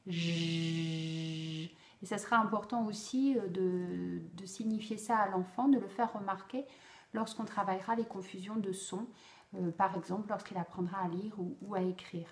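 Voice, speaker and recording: A woman explaining how to teach a speech sound to children, slow and deliberate, with frequent pauses and fillers. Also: mid-range voice, fairly even intonation, a little mellow. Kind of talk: instructional explanation for parents. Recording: echoey room.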